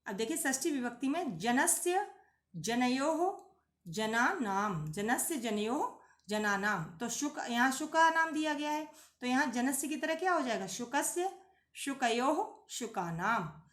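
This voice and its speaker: A woman leads a classroom-style lesson, methodically posing questions and then answering them herself. Her voice sits a little high. She slows down to recite word forms one by one, and the recording has a noticeable room echo. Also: expressive, a bit bright. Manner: recites Sanskrit word forms slowly and deliberately. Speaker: Sanskrit teacher. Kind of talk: classroom lesson explaining a textbook.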